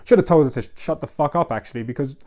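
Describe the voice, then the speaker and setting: A man's voice: on the high side, rapid-fire, a little mellow. A man chatting casually on a podcast, rambling with many fillers and swearing freely. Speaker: podcast host. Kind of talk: casual chat.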